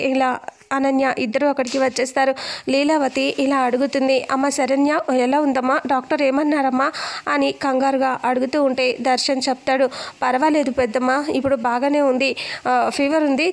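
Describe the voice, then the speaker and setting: A woman's voice: sits high, creaky. A woman casually retelling a TV serial episode, quoting each character's lines in her own voice. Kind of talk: casual spoken plot retelling.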